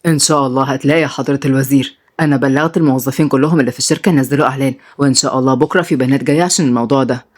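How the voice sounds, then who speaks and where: A woman's voice: very deep voice, steady tone, very fast, few pauses, a little mellow, voice pushed down. Woman doing a teasing Egyptian sidekick. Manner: joking and teasing. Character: teasing male friend and aide of the minister.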